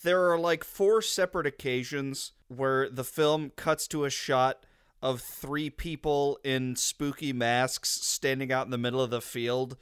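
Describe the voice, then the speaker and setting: A man's voice: medium pitch, fairly bright tone, clear, resonant tone. A man co-hosting a horror film podcast, sardonic and exasperated in casual chat. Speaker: podcast co-host.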